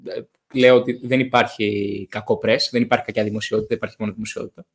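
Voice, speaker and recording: A young man hosting a casual podcast, talking in an animated way, swearing and acting out stories about drinking. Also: fairly low pitch. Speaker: podcast host.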